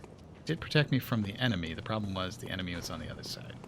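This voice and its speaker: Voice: sits low, lively intonation, quick pace, background noise. A game streamer giving casual live commentary while playing, with wry jokes and bursts of mock outrage. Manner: wry, joking asides that flare into mock outrage. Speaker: let's-play streamer.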